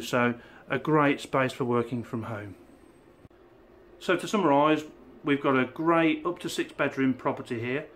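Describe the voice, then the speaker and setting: Walking through a house, a forties-aged estate agent from England calmly describes the rooms in an informative tour. His voice is mid-pitched, with a little background noise.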